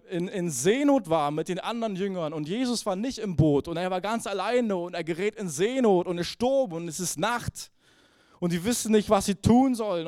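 A man's voice: sits high, a little mellow, dry recording, studio quality. A male pastor giving a conversational, self-reflective sermon, often checking in with the congregation.

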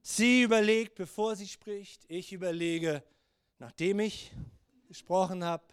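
Man, fifties, preacher, high voice, lively conversational storytelling, dry sound. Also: a little slow, smooth, no echo. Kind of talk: sermon.

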